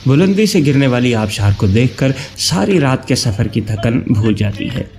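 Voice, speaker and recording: Man, scripted travel narration, mid-pitched voice, faint noise underneath. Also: normal speed. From Pakistan. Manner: steady, informative, listing places one by one.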